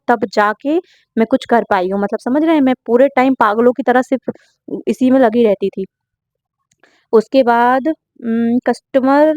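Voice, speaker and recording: A woman's voice: fairly high pitch, a little mellow, no room sound, muffled recording. A young woman home baker, chatting earnestly as she answers viewers' questions in a casual vlog, often checking in with her listeners. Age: young adult.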